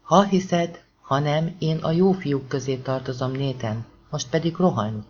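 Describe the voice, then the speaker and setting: A man's voice: a little high, close to an everyday voice. A man doing a terse, urgent police lieutenant. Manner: firm and terse. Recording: dull lo-fi audiobook recording.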